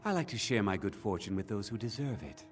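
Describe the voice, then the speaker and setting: An actor voicing a shrewd, self-assured male elf trader in a video game, with measured sales patter. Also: lowish voice, expressive, slightly rough, soft background music. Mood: smooth, guarded. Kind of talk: video game character acting.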